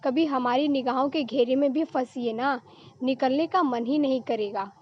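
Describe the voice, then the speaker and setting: Woman reading a teasing giggly young woman, high-pitched, storybook, muffled lo-fi recording. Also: moderate pace.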